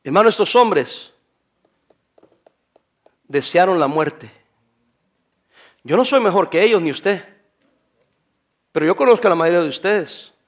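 An older man, a pastor, preaching a sermon, moving from quiet talk to shouting. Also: high voice, measured pace, long pauses. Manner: animated preaching, swings from soft to shouting.

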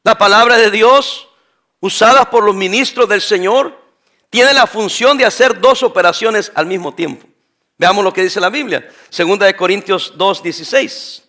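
A middle-aged male pastor preaching with a high, bright voice. He drives his points home with emphatic repetition and keeps firing rhetorical questions at the congregation. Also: normal speed. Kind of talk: sermon.

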